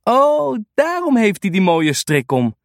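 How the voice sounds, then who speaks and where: Brief: a man playing an eager little girl of four, high and bouncy, storybook reading. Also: wildly swooping pitch, slow, gravelly, no echo, studio quality, exaggerated voice.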